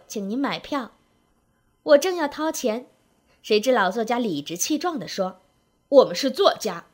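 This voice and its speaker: A woman telling a humorous story aloud, with wry, lively narration and rhythmic phrasing. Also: high voice. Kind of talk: spoken comic storytelling.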